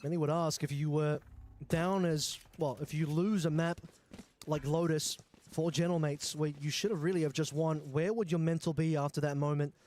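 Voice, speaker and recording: A man's voice: on the high side, steady tone, moderate pace, darkish tone. A man giving live esports commentary as a match caster.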